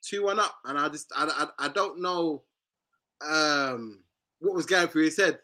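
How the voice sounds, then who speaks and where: High, bright London roadman host. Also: unhurried. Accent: London, urban street slang. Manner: slangy, repeats and cuts in. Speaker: football fan show host. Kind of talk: casual banter and football chat.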